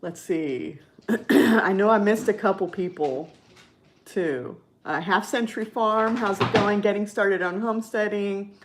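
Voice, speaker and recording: A woman's voice: mid-range voice, measured pace, a little hiss or hum. A middle-aged woman with a Californian accent chatting casually on a livestream, peppering her talk with "like" and "you know". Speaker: livestream host. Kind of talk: casual live chat with viewers.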